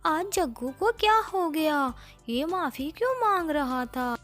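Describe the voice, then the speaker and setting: A woman's voice: high-pitched, a little slow, faint music behind. A woman voicing a brave little female sparrow who runs a clothes shop and is a mother. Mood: puzzled.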